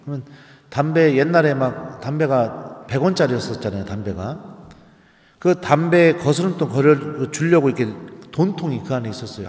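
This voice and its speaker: Animated priest in echoey church. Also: male voice, mid-range voice. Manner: storytelling, animated, uses dialect endings for humor. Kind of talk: sermon.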